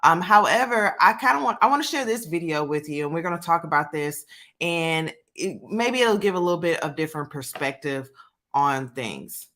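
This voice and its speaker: A woman in her thirties talking casually as the host of a commentary channel, with many pauses and fillers. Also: deep voice, fairly bright tone.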